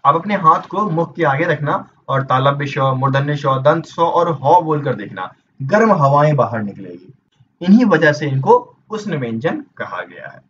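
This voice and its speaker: A man's voice: on the high side, expressive, normal speed, fairly bright tone. Man teaching grammar to exam students. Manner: explains step by step, asks and answers his own questions. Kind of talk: exam-prep grammar lesson. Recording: dull distant mic with faint noise.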